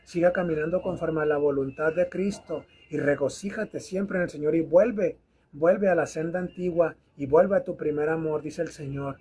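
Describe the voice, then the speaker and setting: A man's voice: on the high side, normal speed, mellow, husky. A man preaching a recorded video sermon, fervently exhorting his listeners and repeating phrases for emphasis.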